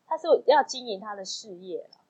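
A woman's voice: mid-range voice, fairly quick, breathy edge. A woman co-hosting a casual chat, telling stories in Taiwanese Mandarin and acting out the dialogue. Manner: animated storyteller, acts out quoted dialogue. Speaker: podcast co-host. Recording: dull lo-fi sound.

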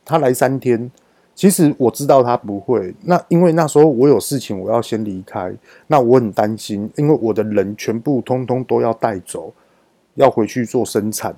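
A man tells a story from running his business, his voice warm and mellow. He recorded it in a dry, deadened space. He acts out the quoted back-and-forth in his story with plenty of life. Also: medium pitch, normal speed, no echo. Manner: lively retelling that acts out quoted dialogue. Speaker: business owner. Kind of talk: personal storytelling.

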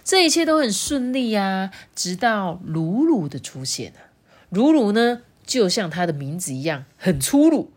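A woman reading a picture book aloud to children, lively and playful, with chatty asides. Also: mid-range voice, a little slow. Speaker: storyteller.

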